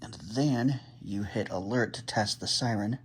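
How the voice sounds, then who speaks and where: Filming on a handheld phone, this male radio vlogger talks his way through unpacking and setting up a radio. His lowish voice moves a little slowly, and he keeps up a chatty commentary, muttering as he works with the equipment.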